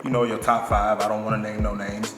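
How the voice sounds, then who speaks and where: A man from Nigeria, a clothing brand owner, talking in a casual interview in a relaxed, thoughtful way, with plenty of fillers. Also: on the low side, a little fast. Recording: echoey room with long reverb and music behind.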